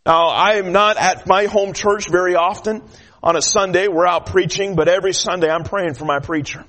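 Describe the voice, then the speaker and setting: High-voiced earnest male preacher. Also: steady tone, normal speed, fairly bright tone. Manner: earnest, restarts often, builds to emphatic declarations; shy by nature. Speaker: traveling preacher. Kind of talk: sermon.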